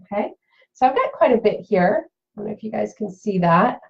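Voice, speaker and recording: A woman's voice: medium pitch, expressive, brisk, creaky, highs cut off. A woman leading a live-streamed craft tutorial, chatty and full of fillers, answering viewers' comments as she works. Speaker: craft demonstrator and seller.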